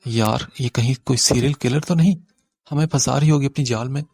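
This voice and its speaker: A man's voice: mid-range voice, a little mellow, no room sound, close to an everyday voice. A man reading an audiobook voices a young male street thug who wheedles and then whispers in fright. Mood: wheedling, nervous. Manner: wheedling, nervous whispers to his friend.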